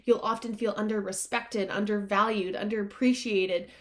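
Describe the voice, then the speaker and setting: A woman's voice: medium pitch, steady tone, normal speed. A woman podcast host with a nasal, stuffed-up voice, as if pinching her nose from allergies, speaking earnestly and informally to listeners in a motivational self-help style.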